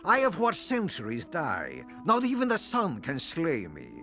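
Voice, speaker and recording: Give this video game villain a high, wildly varied voice. He is an ancient vampire lord, a weary immortal who boasts with grandiose, theatrical menace over faint music. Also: wildly swooping pitch, unhurried, a bit bright, full character voice. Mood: menacing, boastful.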